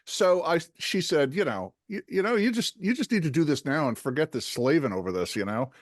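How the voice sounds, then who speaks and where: A man's voice: fairly high pitch, lively intonation, fairly quick, dry recording, studio quality. A man in his sixties chatting easily on an online panel, laughing along. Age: 60s. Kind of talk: casual panel chat. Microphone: video call.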